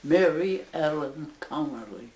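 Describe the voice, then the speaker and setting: Recorded with poor audio and reverb, a woman over a hundred from Northern Ireland recalls her life as a nun for an oral history. Her low-pitched voice is expressive, her delivery slow and halting, punctuated by soft laughs.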